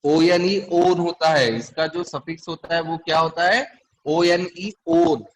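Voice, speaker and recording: Man teaching chemistry, higher voice. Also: measured pace, a little hiss or hum, rough recording. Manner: asks the class questions often. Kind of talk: classroom lecture.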